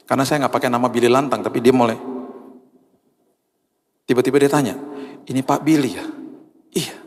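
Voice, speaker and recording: A man preaching a sermon in a church, telling a personal story with lively acted-out quotes. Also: medium pitch, brisk. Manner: animated storyteller, acts out quoted voices. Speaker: pastor. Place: church hall. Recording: long hall reverb.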